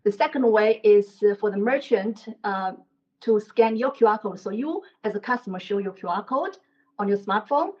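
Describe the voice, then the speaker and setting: A woman from China, a panel guest, explaining step by step with some fillers. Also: fairly high pitch. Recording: dull lo-fi sound.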